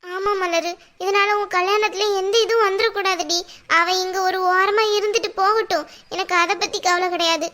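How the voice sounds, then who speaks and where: A woman's voice: very high voice, steady tone, normal speed, pushed and bright. A woman voicing a worried mother in a cartoon, pleading and soothing her angry daughter. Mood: anxious. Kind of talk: cartoon voice acting.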